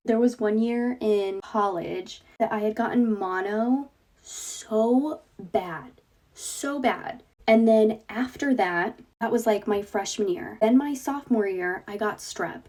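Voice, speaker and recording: A woman's voice: medium pitch, warm tone. A woman in her twenties talking casually to camera in a vlog, chatty and candid with frequent laughs, her voice congested from a cold. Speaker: vlogger.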